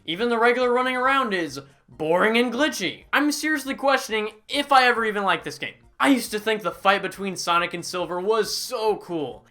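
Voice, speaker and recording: In this comedic voice-over, a game reviewer sounds bright, forceful and sarcastic. Loud, high-pitched outbursts keep breaking through a delivery that mocks from start to finish.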